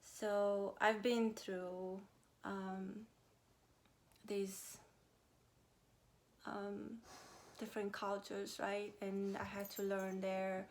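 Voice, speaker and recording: A woman in her thirties, originally from Romania, talking to her viewers in a casual personal vlog, pausing often with fillers. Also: mid-range voice, level tone, a little hiss or hum. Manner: hesitant, many pauses and fillers. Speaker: vlogger. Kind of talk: casual personal talk to camera.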